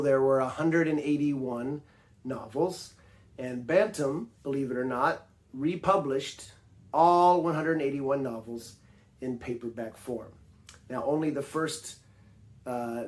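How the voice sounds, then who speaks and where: A man hosting a video about his book collection, sounding raspy because he is getting over a cold, talking casually with some ums and restarts. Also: medium pitch. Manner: chatty, with frequent ums and restarts. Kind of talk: casual talk about books.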